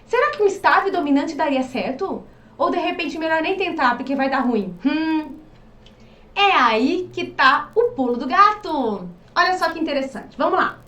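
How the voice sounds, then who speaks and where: A woman coaching on behavioral profiles in a casual, animated way, asking rhetorical questions and acting out quoted voices. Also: high-pitched, moderate pace. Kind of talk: casual teaching monologue. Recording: echoey room, mic at a distance.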